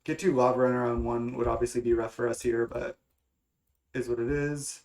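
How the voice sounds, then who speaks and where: With a medium-pitched, steady, slightly mellow voice and a brisk pace, this young male gaming creator sounds stuffy and congested. He casually works through card game choices aloud, hesitating often with fillers and restarts.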